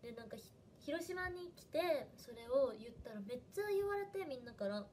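A young woman with a Hiroshima dialect chats away on her livestream in a fairly high voice. She is animated and talkative, and she thanks viewers by name as she goes. A faint hiss sits behind her. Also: normal speed. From Fukuoka, Japan. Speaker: idol trainee livestreamer. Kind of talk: casual livestream chat.

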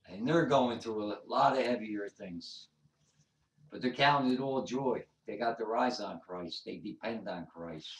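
A man giving an informal sermon as an evangelist, teaching in an earnest, emphatic TV-preacher manner. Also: on the low side. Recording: echoey room, distant microphone.

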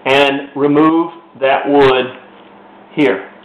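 A man teaching woodcarving in a casual step-by-step demonstration, talking as he works, pausing and restarting his sentences. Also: medium pitch, fairly even intonation. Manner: talks while carving, pausing and restarting sentences. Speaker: woodcarving instructor. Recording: roomy, dull lo-fi home video recording.

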